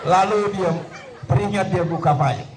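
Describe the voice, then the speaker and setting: A man's voice: high voice, moderate pace. A pastor with a Kupang Malay accent, telling a comic story in a sermon and calling out to his listeners. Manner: animated, calls out to the listeners. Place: large hall with an audience. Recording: echoey hall, distant mic, crowd noise.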